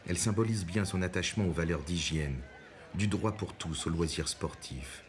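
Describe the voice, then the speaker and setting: A man reading scripted documentary narration in a measured, composed way. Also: low voice, a little hiss or hum.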